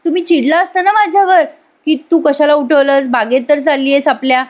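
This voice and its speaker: A woman's voice: sits high, fairly even intonation, brisk, pitched above the performer's own voice, lightly acted. A woman voicing a caring young wife who questions her husband earnestly.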